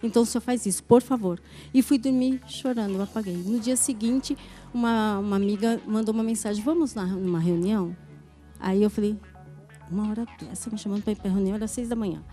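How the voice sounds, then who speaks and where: Middle-aged woman, earnest testimony, mellow tone, faint music underneath. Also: medium pitch, brisk. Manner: earnest storyteller acting out quoted speech. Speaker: church member giving testimony. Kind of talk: emotional testimony.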